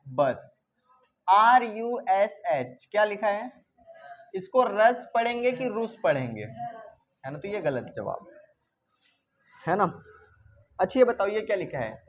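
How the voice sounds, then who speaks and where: A man teaching English pronunciation to a class, asking questions and repeating words slowly. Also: high-pitched, highs cut off, a little hiss or hum. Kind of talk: classroom lesson.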